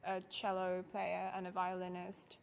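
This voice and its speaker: A woman's voice: fairly low pitch, monotone, unhurried, vocal fry, a little hiss or hum. A young woman from Japan, a violinist, giving thoughtful interview answers with light laughs.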